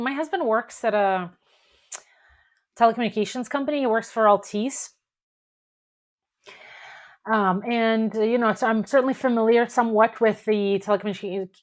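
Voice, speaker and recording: A woman hosting a podcast interview, upbeat and encouraging, who often answers her guest with "awesome.". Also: a little high. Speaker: podcast host.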